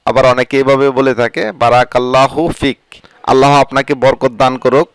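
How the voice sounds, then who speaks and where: A man's voice: medium pitch, flat delivery, moderate pace, smooth, no room sound. A man teaching a scripted vocabulary lesson, saying each phrase, repeating it and explaining its meaning. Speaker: language teacher.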